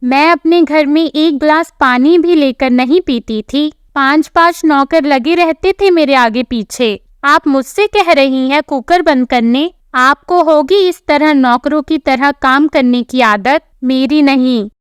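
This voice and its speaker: A high, contemptuous young bride who looks down on her in-laws and snaps at everyone, read by a woman narrator. She speaks unhurriedly, in a dry close storybook reading. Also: measured pace, hardly any pauses, no echo. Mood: angry. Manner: contemptuous, sharp-tongued. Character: arrogant rich young daughter-in-law, haughty and scornful.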